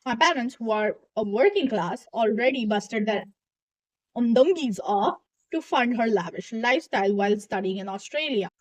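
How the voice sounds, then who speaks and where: A woman's voice: fairly high pitch, rough recording. A young woman casually reading online posts aloud and stopping to add her own chatty asides.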